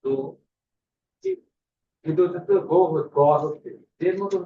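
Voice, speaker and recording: Male teacher, high animated voice, echoey classroom, distant muffled mic. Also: slight background noise. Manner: slow, coaxing, repeats words for students. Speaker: English teacher. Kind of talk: classroom teaching, Bengali and English.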